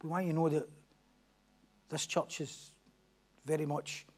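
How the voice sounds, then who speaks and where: A man's voice: a little high, flat delivery, unhurried, darkish tone. A middle-aged man, a pastor delivering a sermon with emphatic, repetitive lines and rhetorical questions.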